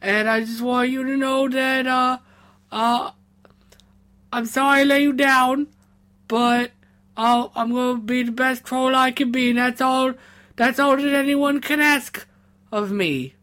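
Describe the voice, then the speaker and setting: A man's voice: very high-pitched, fairly even intonation, measured pace, pushed and bright, exaggerated voice. A man voicing a sad, tipsy, sweet-natured troll who rambles and stammers through apologies on a comedic phone call. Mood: apologetic.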